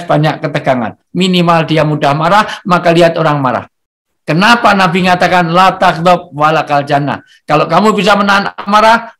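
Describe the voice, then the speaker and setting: A man delivers a humorous religious talk over a video call. His voice sits high, and he keeps it light and preachy, tossing out quick rhetorical questions between his jokes. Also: a bit bright. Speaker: speaker at a halal bihalal gathering.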